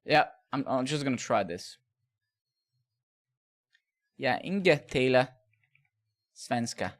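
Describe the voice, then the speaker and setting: A middle-aged Serbian man talks his viewers through his code on a live stream, his chat loose, rambling and profane. His voice sits at an ordinary middle pitch, animated yet slow, in the style of casual live-coding banter.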